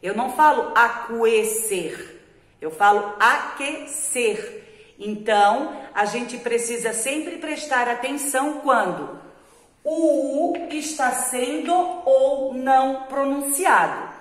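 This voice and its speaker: Slow, patient Brazilian woman teacher. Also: sits high. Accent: Brazilian Portuguese. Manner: slow, drawn-out explanations with repeated example words. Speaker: primary school teacher. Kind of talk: video lesson for young children. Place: classroom at a whiteboard. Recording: echoey room with long reverb.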